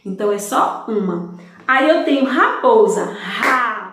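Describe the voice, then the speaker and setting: A woman's voice: on the high side, big pitch swings, moderate pace, fairly bright tone. A woman teaching a recorded lesson to young children, patient and sing-song, spelling out syllables and answering her own questions. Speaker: primary school teacher. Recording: very echoey room.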